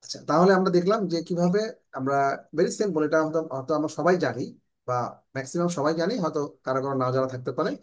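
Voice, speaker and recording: Bangladeshi man teaching English, fairly high voice, speaks phrases slowly and carefully for students to repeat. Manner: explains in Bengali, slowly models English phrases. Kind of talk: online English class.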